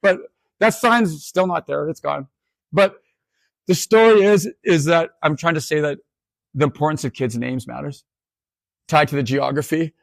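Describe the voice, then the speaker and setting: A man from northern Saskatchewan tells stories in a keynote talk, animated and full of restarts. His voice sits a little high and carries a gravelly fry. The recording is dry and close to the mic. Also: moderate pace, long pauses, no room sound. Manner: animated, many restarts, acts out dialogue. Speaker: keynote speaker and educator.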